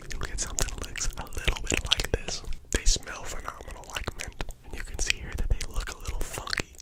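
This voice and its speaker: An ASMR creator reading sponsor messages in a breathy, unvoiced whisper, deliberate with playful touches. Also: low-quality recording.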